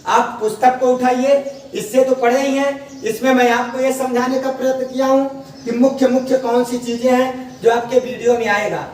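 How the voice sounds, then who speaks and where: A man teaching a spelling lesson, slowly drawing out each word and asking his students to repeat it. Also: extremely high pitch, little pitch movement, a little mellow. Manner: slow, drawn-out repetition of words, often asks students back. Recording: echoey room from far off, faint noise.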